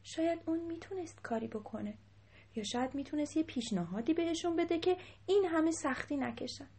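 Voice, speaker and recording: A woman telling a children's story in a lively voice, dropping into whispers at times. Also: high voice. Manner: animated, dips into whispers.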